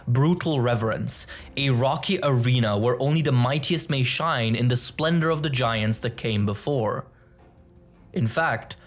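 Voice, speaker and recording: A man reading scripted nature documentary narration in a measured, formal, expository way. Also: medium pitch.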